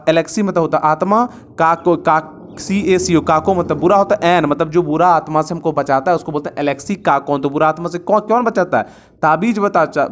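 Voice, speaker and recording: A man. He spells words out letter by letter and keeps asking and answering his own questions. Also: a little high. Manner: repeats words and asks himself questions. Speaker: vocabulary teacher. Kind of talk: online vocabulary lesson.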